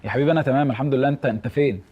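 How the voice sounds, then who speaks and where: A man's voice: mid-range voice, rapid-fire, breathy edge, lo-fi sound, natural voice. A man playing an exasperated sarcastic friend. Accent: Egyptian Arabic. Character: exasperated male friend at the office. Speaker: friend and colleague. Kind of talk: TV comedy series acting.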